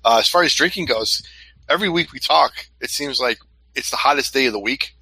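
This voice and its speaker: Bright, laid-back man hosting. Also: mid-range voice, fairly quick, husky, no echo, poor audio. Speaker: host of an online reselling show. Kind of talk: casual chat. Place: hot room at home with a fan.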